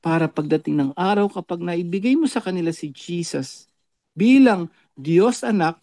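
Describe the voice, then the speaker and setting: Earnest man preaching, gravelly. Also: high-pitched, lively intonation, moderate pace, warm tone, no echo. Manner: earnest, tags phrases with "no?", switches into English. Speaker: lay preacher on a religious show. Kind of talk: preaching reflection.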